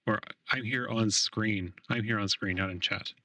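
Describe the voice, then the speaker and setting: A man's voice: fairly low pitch, steady tone, moderate pace, sharp tone, no room sound, recorded from a distance. Man streaming through a voice changer. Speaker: game streamer. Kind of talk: casual live-stream chat with viewers.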